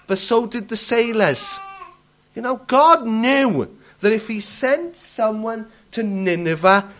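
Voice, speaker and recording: A man's voice: high voice, a bit bright, a little hiss or hum. A man preaching a morning sermon, asking the congregation rhetorical questions and repeating his points with frequent restarts. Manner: restarts and stumbles over words.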